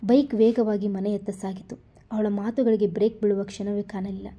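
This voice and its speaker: A woman storyteller reading a story aloud with even, expressive narration. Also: medium pitch, a little fast. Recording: dull lo-fi recording.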